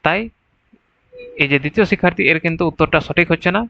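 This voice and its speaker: Male exam-prep teacher, brisk and bright, slightly high voice, walks through the options point by point. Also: creaky, no echo, lo-fi sound. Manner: explains answer choices step by step, often asks "right?". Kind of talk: online exam-prep lesson.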